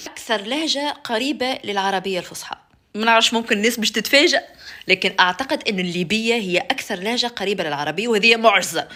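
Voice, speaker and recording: This time the Tunisian vlogger's voice sits at medium pitch with a sharp tone, and her delivery is rapid-fire. Still playful, she ranks dialects for the camera, imitates how others speak, and drops English phrases into her Tunisian Arabic.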